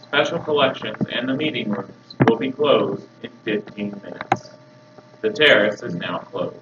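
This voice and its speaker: A man's voice: lowish voice, measured pace, recorded from a distance. A man making a formal closing announcement over a library intercom. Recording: echoey, faraway, dull loudspeaker with noise.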